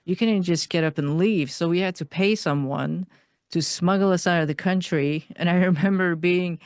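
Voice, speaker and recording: A woman from Iran, a guest on an interview podcast, telling her life story in an earnest, steady way. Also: on the low side, moderate pace, clean tone, dry recording, studio quality.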